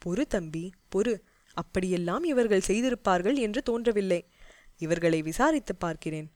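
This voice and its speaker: A woman's voice: mid-range voice, animated, moderate pace, a little mellow, dry recording, close to an everyday voice. Woman playing stern older male commander, commanding, dry voice. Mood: calm. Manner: commanding, scolds guards.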